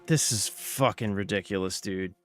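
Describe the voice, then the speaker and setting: A man's voice: on the low side, dry recording, faint music behind. A man streaming a video game, commenting casually and swearing often as he vents. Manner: swears a lot, quick to vent.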